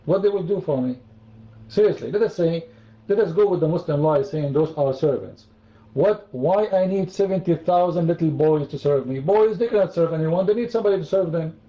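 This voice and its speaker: A man's voice: a little high, warm tone. A man hosting an online debate room, talking in a sarcastic, mocking way and repeating phrases for effect. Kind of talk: mocking religious debate talk. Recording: roomy, dull online voice chat.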